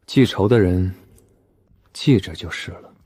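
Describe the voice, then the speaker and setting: A man's voice: low-pitched, measured pace, dark tone, breathy edge. An actor voicing a young male apprentice cultivator, thoughtful and earnest.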